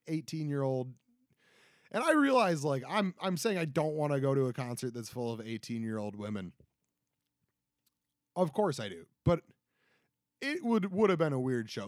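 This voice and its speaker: A man's voice: on the high side, a little mellow, no echo, clean studio sound. A young man hosting a casual solo podcast, rambling and self-deprecating with many fillers and restarts. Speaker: podcast host.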